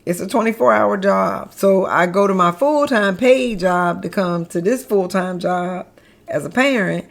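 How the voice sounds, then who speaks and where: Woman, middle-aged, gravelly voice, playful, emphatic repetition, casual interview chat. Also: medium pitch, unhurried. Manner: playful, laughs often, repeats words for emphasis. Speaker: guest, mother and business founder.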